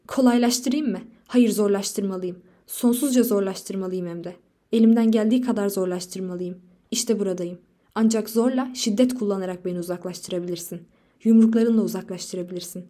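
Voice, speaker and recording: A woman's voice: mid-range voice, brisk, lightly acted. A woman reading a fierce, desperate young wife. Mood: anguished. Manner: loud, impassioned pleading. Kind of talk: audiobook reading.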